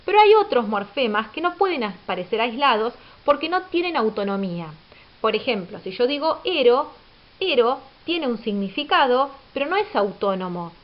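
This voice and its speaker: A woman teacher giving a recorded grammar lecture, explaining patiently and asking rhetorical questions. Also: high-pitched. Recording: dull lo-fi audio.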